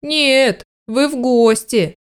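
A woman's voice: high-pitched, drawn-out words, clean tone. A woman doing a grumbling stern old dog. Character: grouchy old-fashioned grown male dog, stern.

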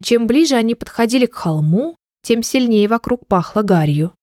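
A woman narrating a children's audiobook in a gentle, measured storytelling voice. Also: fairly high pitch, animated, no room sound, clean studio sound.

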